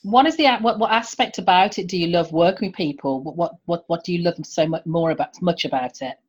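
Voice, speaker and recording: A woman's voice: on the low side, quick pace, a little hiss or hum. A woman hosting an interview podcast, asking guests questions and laughing along with them. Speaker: podcast host. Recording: dull lo-fi sound.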